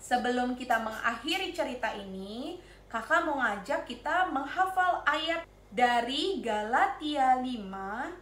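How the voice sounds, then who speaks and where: High, lively woman teaching small children. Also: measured pace, roomy sound, slight background noise. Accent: Indonesian. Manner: animated, sing-song, asks children questions. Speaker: Sunday school teacher. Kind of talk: storytelling to young children.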